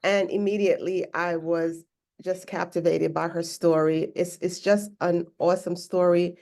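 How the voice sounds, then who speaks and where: This podcast host has a lowish, gravelly voice with a level tone and normal speed. She encourages her interviewee warmly, and her talk of God's grace carries religious phrasing.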